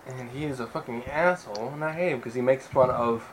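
A man's voice: mid-range voice, a little fast, over a noisy crowd, rough recording. A man co-hosting a podcast, talking in a blunt, sarcastic and profane way. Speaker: podcast co-host. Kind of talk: casual chat.

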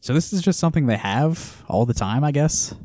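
A man's voice: a little high, lively intonation, fairly quick, mellow, dry recording, studio quality. A man hosting a casual podcast, reading news stories aloud with joking asides. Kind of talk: casual chat.

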